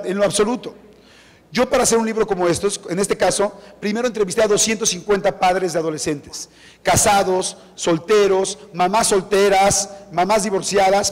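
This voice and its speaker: High-voiced man telling stories in an echoey hall. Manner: animated storyteller who acts out quoted people. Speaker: author presenting his book. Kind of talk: anecdotal talk at a book presentation. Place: event hall before an audience.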